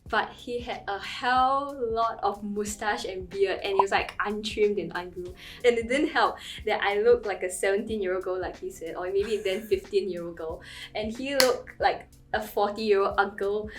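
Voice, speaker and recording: A woman's voice: medium pitch, normal speed, hardly any pauses, distant mic. A woman in her twenties speaking frankly in an interview, with laughing asides. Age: 20s. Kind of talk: casual interview answers.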